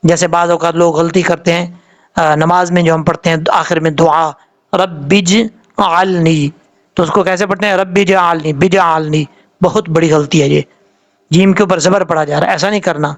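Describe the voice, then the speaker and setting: A man's voice: fairly high pitch, fairly even intonation. A man, a Quran tajweed teacher giving a patient, step-by-step recitation lesson and repeating each sound.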